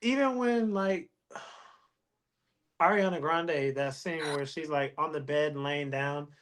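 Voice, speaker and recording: A man's voice: on the high side, fairly bright tone, slight background noise. Casual man chatting on a podcast. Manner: conversational, drawn-out, repeats himself. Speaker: podcast co-host. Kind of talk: casual chat.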